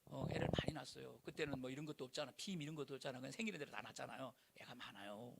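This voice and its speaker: Delivering his sermon rapid-fire, a middle-aged pastor keeps it lively and conversational, firing off one rhetorical question after another. His gravelly voice is medium-pitched, and heavy background noise fills the recording.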